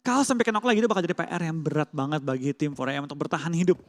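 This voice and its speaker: A man's voice: on the high side, lively intonation, racing. A man commentating on an esports match as co-caster, explaining tactics in slangy speech. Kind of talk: live esports commentary and analysis.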